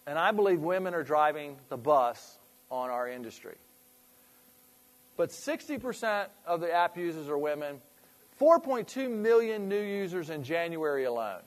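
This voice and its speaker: Man presenting to a group, slightly high voice. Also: big pitch swings, normal speed. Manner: conversational, asks the audience questions, trails off and restarts. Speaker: presenter at a fitness club industry meeting. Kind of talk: informal business presentation to a group.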